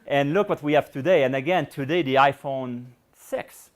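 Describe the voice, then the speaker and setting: A middle-aged man delivers a public science lecture and fields questions, speaking loosely and rambling with lots of fillers as his voice turns hoarse. His voice is mid-range at a normal speed, and he keeps saying "you know" and restarting sentences.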